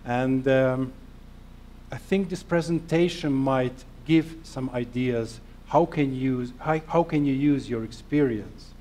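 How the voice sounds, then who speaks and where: A middle-aged man from Hungary with a Hungarian accent, giving an earnest, self-deprecating conference presentation in halting non-native phrasing. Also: medium pitch, warm tone. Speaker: conference speaker.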